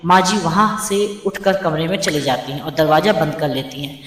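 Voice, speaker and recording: A woman narrating a moral storybook tale in a steady, even manner. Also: sits low, moderate pace. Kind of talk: scripted narration. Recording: roomy with long reverb.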